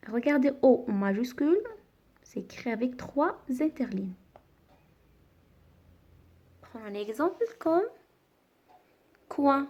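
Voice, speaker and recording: A woman leads a children's reading lesson at a very unhurried pace. Her voice sits a little high, and she spells out each sound with care. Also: warm tone, highs cut off. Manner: slow, deliberate, spelling out sounds. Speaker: teacher.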